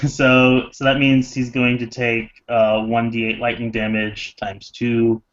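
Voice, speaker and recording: A man's voice: mid-range voice, completely flat delivery, slow pace, a bit bright, muffled recording. Rambling man narrating his turn. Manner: rambling, filler-heavy, laughing narration. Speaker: player. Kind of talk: casual tabletop play and narration.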